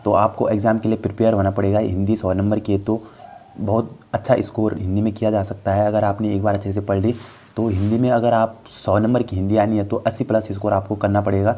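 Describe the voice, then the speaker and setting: A young male tutor with a mellow, darkish voice that sits a little low. He walks viewers through a grammar lesson step by step, patient and explanatory, calling them friends as he goes. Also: flat delivery, brisk. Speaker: exam tutor. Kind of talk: Hindi grammar lesson for exam aspirants.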